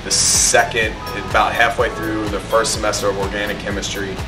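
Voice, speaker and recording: A man, a chemistry professor, explaining lab equipment in a relaxed way, with many fillers. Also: on the low side, a little fast. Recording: distant mic with loud music underneath.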